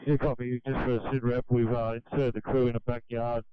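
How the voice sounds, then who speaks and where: Clear, even man on aircraft radio. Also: mid-range voice, a little fast, no echo. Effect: two-way radio. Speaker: helicopter crew member. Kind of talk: situation report over radio. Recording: dry, slightly muffled aircraft radio.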